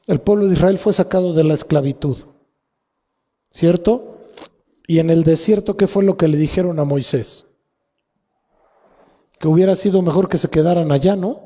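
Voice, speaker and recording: A man's voice: on the high side, normal speed, pauses often, dark tone. A man with a Mexican Spanish accent preaching a sermon as pastor, asking the congregation rhetorical questions. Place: church hall. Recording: long hall reverb.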